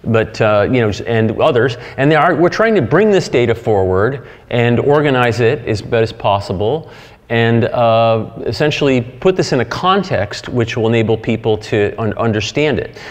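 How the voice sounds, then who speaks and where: A middle-aged man giving a conference keynote, halting and full of fillers and restarts. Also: medium pitch, animated. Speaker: keynote speaker. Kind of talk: conference talk. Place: lecture hall. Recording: hall reverb.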